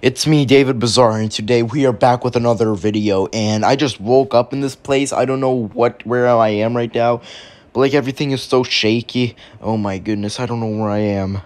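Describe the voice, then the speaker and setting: A man doing excitable gaming commentary, talking to his viewers and often repeating "oh my goodness". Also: moderate pace. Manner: excitable, addresses viewers as players, frequent squealing jumps in pitch. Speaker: gaming YouTuber. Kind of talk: Minecraft let's-play commentary.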